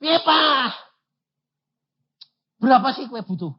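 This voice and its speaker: A man's voice: extremely high pitch, lively intonation, slow, husky, highs cut off, pitched above the performer's own voice, heavily acted. An old man with a Javanese accent voicing his nervous grown son who pleads with his father. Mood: anxious. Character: preacher's anxious grown son asking for money.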